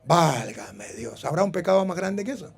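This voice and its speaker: A male priest giving a sermon, telling a story and acting out the people in it with animated delivery. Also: a little high, moderate pace, vocal fry, slight background noise. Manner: animated, acts out the people in his stories.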